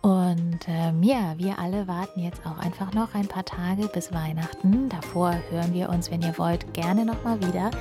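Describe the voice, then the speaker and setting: A woman reading a children's Christmas story aloud as storyteller, calm and gentle. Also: fairly low pitch, moderate pace, hardly any pauses, soft background music.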